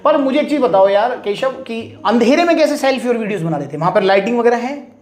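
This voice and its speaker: A man's voice: very high-pitched, animated, quick pace, darkish tone, echoey room. A man hosting a podcast interview, curious and constantly prompting his guest with follow-up questions. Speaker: podcast host. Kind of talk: casual interview chat.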